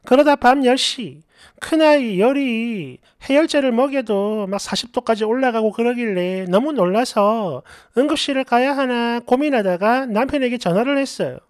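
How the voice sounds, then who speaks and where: A woman narrating a reader's submitted story in the first person, expressive and acting out the quoted lines. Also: on the high side, moderate pace, no echo, studio quality. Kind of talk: dramatic reading of a reader's story.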